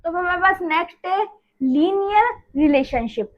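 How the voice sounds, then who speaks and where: A woman's voice: extremely high pitch, lively intonation, normal speed, muffled recording. A woman teaching a maths lesson in a chatty, casual way, going over each step again and checking in often. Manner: chatty, repeats each step with "theek hai".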